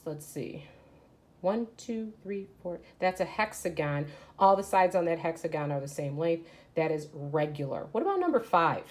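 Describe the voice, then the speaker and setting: A low, slightly mellow-voiced woman, an elementary school teacher, reads aloud to children in a lesson. Along the way she explains things and regularly answers her own questions.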